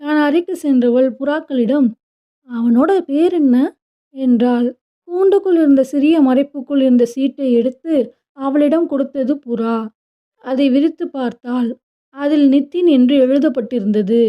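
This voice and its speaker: A woman narrating a romantic serial story in a steady, even storytelling manner. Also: sits high, normal speed. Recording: dull lo-fi recording.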